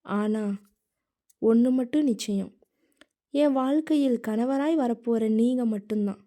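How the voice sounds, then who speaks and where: A woman reads an earnest young heroine in a storybook romance, pleading her heart out. The voice sits a little high, with a mellow, dark tone. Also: a little slow, lightly acted. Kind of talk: audiobook character reading.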